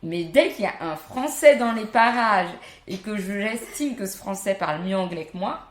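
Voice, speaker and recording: A woman hosting a relaxed podcast, chatty and full of little fillers as she thinks aloud. Her voice sits at a middle pitch, and the room around her has a noticeable echo. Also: moderate pace. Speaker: podcast host. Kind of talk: casual podcast interview. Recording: roomy room sound.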